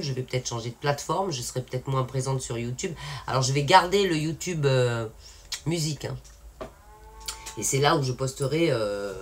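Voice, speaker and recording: Her pitch extremely low, a French independent singer addresses the viewers of her own channel in a casual, frank update. She rambles, restarting often and using many fillers, over slight background noise.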